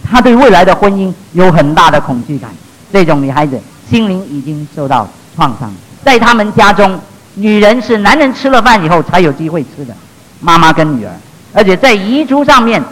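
A middle-aged man preaching a sermon as a pastor, telling stories and swinging between loud emphasis and hushed asides. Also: sits high, low-quality recording.

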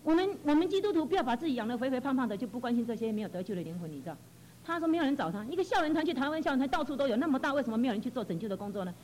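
A woman's voice: sits high, expressive, very fast, a little mellow, a little hiss or hum, low-quality recording. A woman giving a fervent personal testimony, telling her story with frequent exclamations.

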